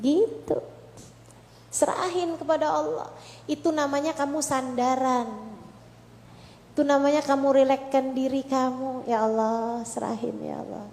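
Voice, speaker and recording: A woman's voice: high voice, darkish tone. A woman preacher giving a conversational sermon to women, acting out heartfelt prayers in between. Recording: echoey hall with long reverb.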